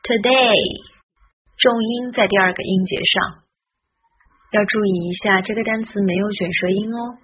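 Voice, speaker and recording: A woman teaching English pronunciation in a careful lesson, spelling out letters and modeling each sound slowly. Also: medium pitch, fairly even intonation, husky. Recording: dull, lo-fi recording.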